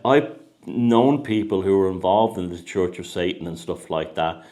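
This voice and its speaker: A low-pitched, animated Irish author and host speaks at normal speed with a dark tone. His casual conversation rambles, full of restarts and repeated words.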